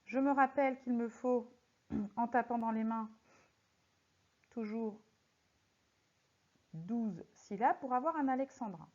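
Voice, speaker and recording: In this recorded lesson, a woman who teaches French goes over exercises, breaking words into syllables she taps out one by one. Her fairly high voice is a little mellow, and her unhurried, careful delivery sets every word apart. The sound quality is lo-fi and a bit muffled.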